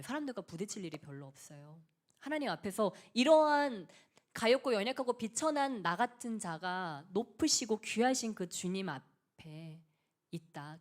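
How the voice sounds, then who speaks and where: A middle-aged woman pastor giving a sermon, earnest, sometimes dropping to a soft whisper. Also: mid-range voice.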